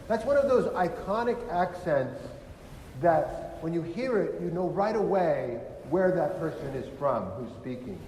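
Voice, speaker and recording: A man's voice: on the high side, animated, a little slow, a little mellow, a little hiss or hum. A man with a California accent giving a Sunday homily as a deacon, conversational and full of rhetorical questions. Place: church. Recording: echoey church with long reverb.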